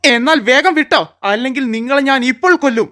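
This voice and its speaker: A woman voicing a threatening adult householder in a cartoon, talking in a gruff, menacing way. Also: sits high, fast talker, sharp tone. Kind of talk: cartoon voice acting.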